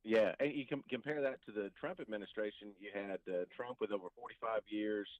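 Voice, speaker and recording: A man calling in to a radio talk show over a clipped phone line. He starts out halting, then talks steadily through numbers and examples. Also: on the low side, no echo. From North Alabama. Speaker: caller. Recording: tinny, dry phone line.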